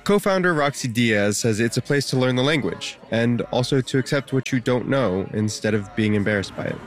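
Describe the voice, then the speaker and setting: Lively male radio reporter. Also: mid-range voice, a little fast. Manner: lively, conversational delivery with quizzing asides. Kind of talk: public radio news feature.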